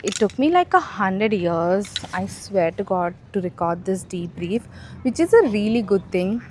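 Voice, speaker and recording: A young woman with an Indian accent, chatting casually in a vlog, telling stories in an animated, self-mocking way. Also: mid-range voice, slight background noise. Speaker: vlogger.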